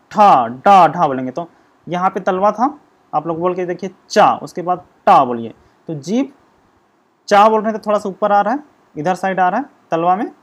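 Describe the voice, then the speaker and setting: A man teaching an exam-prep grammar lesson, explaining slowly and sounding out syllables one by one. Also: sits high. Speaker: language teacher.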